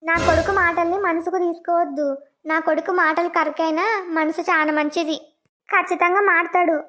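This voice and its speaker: Mother-in-law: soothing village elder voiced by a woman, very high gentle voice. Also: flat delivery, brisk.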